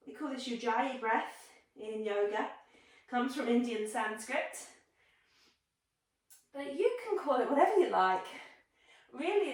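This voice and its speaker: A woman with a somewhat high voice leads a yoga class, giving chatty, encouraging instructions while demonstrating the moves. She is off-mic and distant in a very echoey room.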